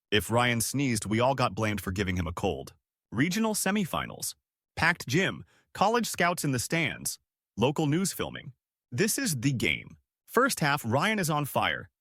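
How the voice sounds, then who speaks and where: A man narrating scripted stories in a lively storytelling manner, recorded close to the mic. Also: dry recording. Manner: lively storytelling with big pitch swings.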